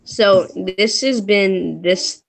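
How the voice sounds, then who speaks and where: A woman's voice: medium pitch, very slow, creaky, a little hiss or hum. A woman co-hosting a casual story-reading stream, giggly and stumbling over her words.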